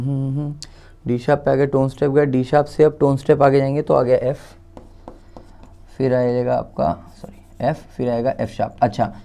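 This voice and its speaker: A man with a mid-range, dark-toned voice and an Indian accent teaches music theory in a laid-back way as he writes. He thinks out loud, counts steps individually, and revises himself mid-explanation.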